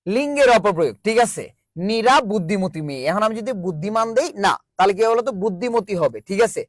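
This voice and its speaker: Brisk high-voiced male teacher. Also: animated, no echo. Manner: drilling call-and-response, repeats each question. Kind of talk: online grammar class. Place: virtual classroom.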